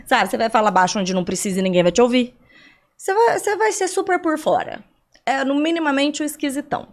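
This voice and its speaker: A young adult woman from Brazil, a guest on a podcast interview, explaining things at length with rhetorical questions and everyday examples. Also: high voice.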